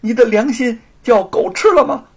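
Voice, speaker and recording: Guy doing a husky furious sister lady, loud and high. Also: moderate pace. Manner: shouting in outrage. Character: indignant elder sister, furious woman.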